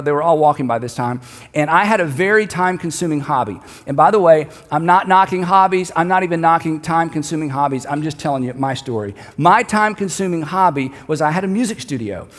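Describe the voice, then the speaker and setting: A man's voice: fairly high pitch, in a large hall. A middle-aged man preaching a sermon, telling a personal story and building to emphatic calls for the congregation to repeat a line. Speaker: pastor.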